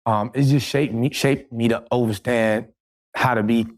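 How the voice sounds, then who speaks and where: A man speaking on a casual panel show, his pitch ordinary. He talks earnestly in a slangy way, laying out his point step by step. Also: fairly even intonation, normal speed. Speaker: podcast panelist.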